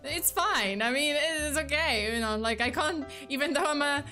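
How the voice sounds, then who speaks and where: A young Polish-speaking VTuber chats with her live-stream viewers in a fairly high voice at normal speed, with soft music playing quietly in the background. She's loose and giggly, full of fillers and false starts.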